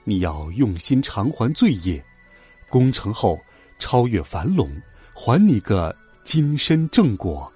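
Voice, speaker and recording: A man voicing a calm, wise goddess. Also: lowish voice, breathy edge, faint music behind, pitched below the performer's own voice, heavily acted. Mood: stern gentle. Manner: slow, soft, lecturing. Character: calm stern female bodhisattva, motherly and wise.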